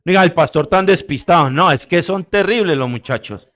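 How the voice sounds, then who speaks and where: A middle-aged man preaching a sermon as pastor. He jokes with the congregation, asks if they are following, and swings between loud, emphatic peaks and quiet asides. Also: on the high side, expressive, moderate pace.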